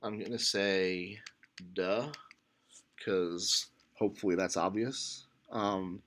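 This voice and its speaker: A man's voice: low voice, fairly even intonation, slow pace, fairly bright tone, a little hiss or hum. A man teaching a computer science class, talking casually with many fillers and restarts as he thinks aloud. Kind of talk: lecture.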